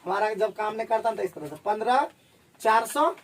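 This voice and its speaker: A man teaching a maths class, firing questions at his students and working sums out loud. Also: high-pitched. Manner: drills students with rapid questions while calculating aloud. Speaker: maths tutor.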